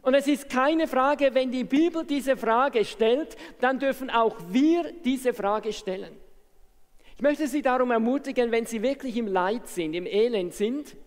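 A man preaching an impassioned evening sermon who raises his voice to make his points. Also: extremely high pitch. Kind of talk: evangelistic sermon. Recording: reverberant hall.

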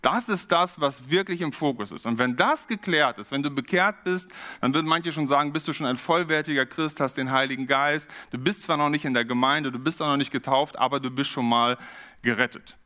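A man preaching a sermon, reflective and steady, often posing questions to his congregation. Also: a little high, a little fast. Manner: reflective, poses rhetorical questions.

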